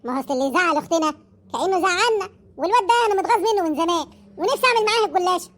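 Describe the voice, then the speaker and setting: A woman voicing a rough, scheming Egyptian village man who gloats and threatens. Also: extremely high pitch, lively intonation, rapid-fire. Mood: gloating. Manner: gloating, menacing.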